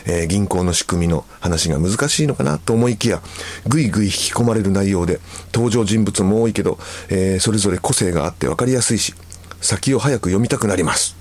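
A man hosting a radio show, reading listener letters aloud and chatting about them in a relaxed way with frequent chuckles. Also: on the low side, a little fast. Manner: relaxed, chuckles often, comments between letters. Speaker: musician.

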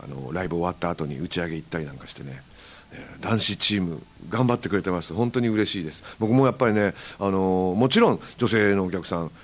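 A man hosting a radio show in a casual chat, reading listener letters with frequent chuckles and fillers. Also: sits low. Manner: chuckling, filler-heavy, trailing off softly. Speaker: radio host.

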